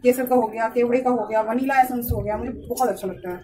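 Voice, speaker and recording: A young woman chatting softly and slowly while she cooks in her home kitchen, recorded on a phone. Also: on the high side, fairly even intonation, distant mic, slight background noise, low-quality recording. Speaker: cooking vlogger. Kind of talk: casual home cooking vlog.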